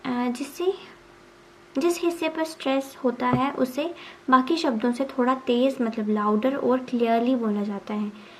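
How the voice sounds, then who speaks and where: High-voiced woman teaching exam notes. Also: fairly even intonation, a little slow, a little hiss or hum, low-quality recording. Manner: explains point by point, asking and answering her own questions; mixes English terms into Hindi, often says 'ठीक है'. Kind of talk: exam revision lesson.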